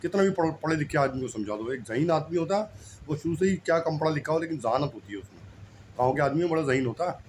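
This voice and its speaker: Higher-pitched man explaining, homespun. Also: expressive, quick pace, a little hiss or hum, rough recording. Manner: keeps checking the listener understood; repetitive, homespun storytelling. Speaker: channel host explaining language. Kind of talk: casual explanatory talk with anecdotes.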